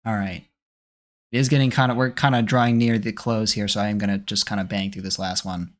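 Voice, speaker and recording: A man co-hosting a casual podcast, reading food clues aloud in a relaxed, chatty way. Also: on the low side, brisk. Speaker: podcast co-host running a food guessing game.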